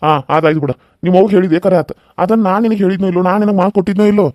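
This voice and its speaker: A man's voice: high-pitched, rapid-fire, a little mellow, no echo, clean studio sound, natural voice. A man with a North Karnataka Kannada accent voicing an earnest young married son who pleads and explains in a cartoon serial. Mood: pleading.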